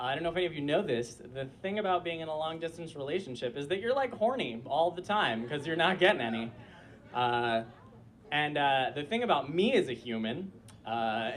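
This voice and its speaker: This young performer's voice runs a little high and fairly bright, with slight background noise, as he shares a funny personal tale before a live crowd at a small club. He's chatty, leaning on "like" constantly and laughing often, and says a friend thinks he sounds like a disappointed mom.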